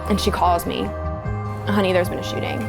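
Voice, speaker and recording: Young woman, documentary interviewee, soft and halting, filler-heavy, music bed underneath. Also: fairly low pitch, level tone. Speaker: interviewee, daughter of a victim.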